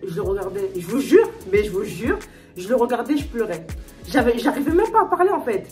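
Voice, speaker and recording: A woman's voice: a little high, sing-song, a little fast, warm tone, far from the mic, faint music behind. A young woman vlogging a personal story to her viewers, talking emotionally and repeating herself with lots of fillers and restarts. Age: young adult. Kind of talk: storytime vlog, casual chat to viewers.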